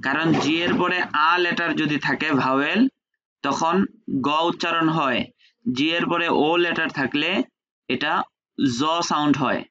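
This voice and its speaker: A man leads an online French lesson at a very slow, careful pace, repeating each word. His voice sits a little high. The call audio is dull and lo-fi. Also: bright, forceful tone. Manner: slow, patient, repeats pronunciations. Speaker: French teacher.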